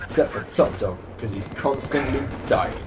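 A man's voice: mid-range voice, music in the background. Young man teasing his gaming partner. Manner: joking, teasing, quick asides. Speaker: co-host commentating gameplay. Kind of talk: casual banter over gameplay footage.

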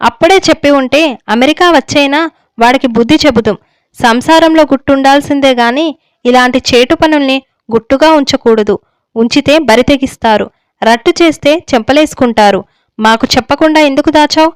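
A woman's voice: high voice, normal speed, no echo, close to an everyday voice. A woman reading as a stern old village elder. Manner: stern, moralizing, unbending. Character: stern older village elder husband, righteous. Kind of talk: story reading.

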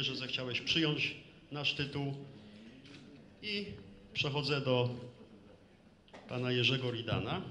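A man's voice: medium pitch, pushed and bright. A man reading out a formal award citation in a ceremonious manner as the presenter. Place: hall at a public ceremony. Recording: echoey hall, light noise, audience.

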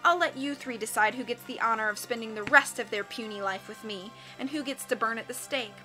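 A woman's voice: a little high, fairly quick, bright, forceful tone, faint music behind. A woman doing a wheezy, sneering villain. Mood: smug. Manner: sneering, smug and cruel. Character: scheming male villain in a detective disguise.

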